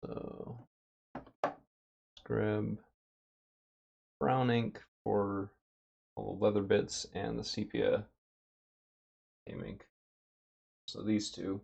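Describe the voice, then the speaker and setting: A man livestreaming as he paints a miniature, thinking aloud in a relaxed way with lots of fillers, his throat a bit dry and rough. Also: on the low side, drawn-out words, long pauses, muffled recording. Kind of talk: casual livestream chat. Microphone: desk mic with noise gate.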